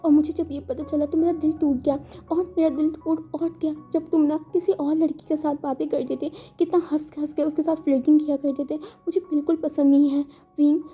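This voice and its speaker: A woman's voice: sits high, level tone, a little fast, few pauses, warm tone, close to an everyday voice. Shy tearful young guy stuttering through a confession, a lady doing him in a fan story, dull lo-fi sound. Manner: stammering, repeating words.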